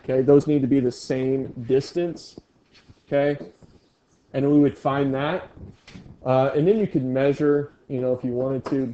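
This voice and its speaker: A man's voice: medium pitch, dark tone, muffled recording, a little hiss or hum. A male teacher leading a classroom review lesson, joking with his students. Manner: playful, jokey with students.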